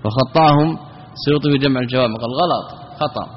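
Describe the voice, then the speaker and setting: A man's voice: mid-range voice, rapid-fire, a little hiss or hum. A man teaching a classical grammar lesson, explaining step by step and often asking a question, then answering it himself. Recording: dull, lo-fi, with long reverb.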